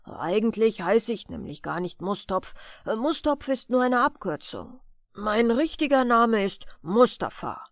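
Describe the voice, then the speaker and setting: A bragging male circus horse from a bedtime storybook, sociable and fond of his own importance, as a woman puts him on. He speaks up boldly with a lively, swinging melody, close and dry. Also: a little high, a little slow, dry recording. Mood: boastful. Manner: proud, sociable, louder, a bit grand.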